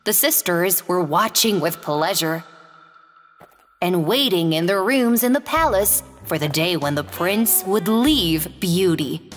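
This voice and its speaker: A woman tells a children's fairy tale in a gentle, expressive read-aloud voice. She speaks slowly with a very lively pitch. A long reverb trails her words over faint background music. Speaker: storyteller. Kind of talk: scripted fairy-tale narration.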